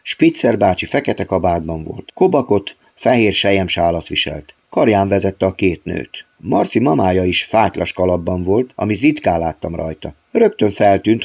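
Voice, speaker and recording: A man reads his own novel aloud as an audiobook. His voice sits very low and carries a gravelly fry. He tells the story at a steady, even pace. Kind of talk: audiobook narration.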